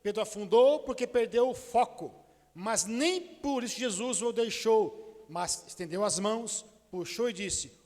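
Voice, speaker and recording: High-voiced preaching pastor in echoing hall. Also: male voice, a little slow. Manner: impassioned preaching, swinging between loud declarations and hushed, intimate asides. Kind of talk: sermon. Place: church sanctuary.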